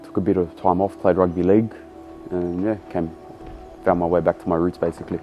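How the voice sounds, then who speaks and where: A man's voice: low voice, steady tone, fairly quick, over music. A young Australian man, a boxer, speaking in short, laid-back statements in a documentary interview. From Sydney, Australia.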